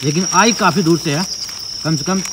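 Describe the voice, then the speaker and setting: Young male vlogger, slightly high voice, casual, heavy cricket noise. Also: moderate pace. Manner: addresses viewers as friends, says brother often. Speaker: camping vlogger. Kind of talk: casual outdoor vlog chat. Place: forest campsite at night, outdoors. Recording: loud night noise, crickets and insects.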